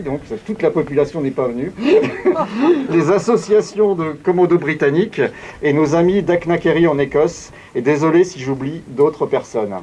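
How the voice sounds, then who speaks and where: A man with a French accent, acting as master of ceremonies and giving a measured, formal address into a PA microphone outdoors. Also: fairly high pitch, darkish tone. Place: outdoors at a monument.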